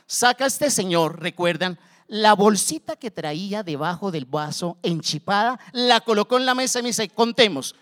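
A man with a Colombian accent telling a personal story from his days selling cars, in an animated way. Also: sits high, moderate pace. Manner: lively, animated retelling, acts out the scene. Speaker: former car salesman telling his story.

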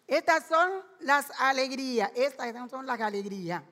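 An older woman from Palenque in Colombia with a Caribbean coast accent, telling stories of her life as a street vendor with lively energy. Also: sits high, unhurried. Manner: energetic, animated storyteller. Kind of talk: lively storytelling interview. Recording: long echoing reverb.

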